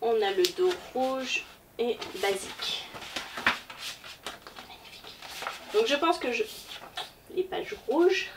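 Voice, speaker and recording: A woman's voice: a little high, big pitch swings, slow, pauses often. A woman presenting a casual book haul vlog, chatty and hesitant with lots of fillers. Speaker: book vlogger. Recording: distant mic, faint background noise.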